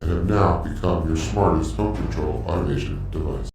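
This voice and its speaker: A man voicing a calm, menacing evil AI assistant in a fan dub, speaking in a slow, cold, even manner. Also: very deep voice, creaky. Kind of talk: fan dub recording takes. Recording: very echoey, distant from the mic, faint music.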